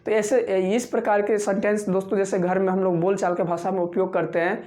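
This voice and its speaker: A man teaching an online spoken English lesson, repeating each phrase slowly and often calling the viewers his friends. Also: sits high, level tone, darkish tone. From Bihar, India. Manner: repetitive drilling, repeats phrases slowly for learners; constantly addresses viewers as friends.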